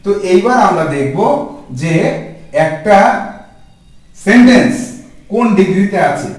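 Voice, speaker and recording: A man's voice: high voice, expressive, measured pace, darkish tone. A man teaching a spoken English grammar lesson to a class, putting questions to the students and answering them himself. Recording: echoey room from far off.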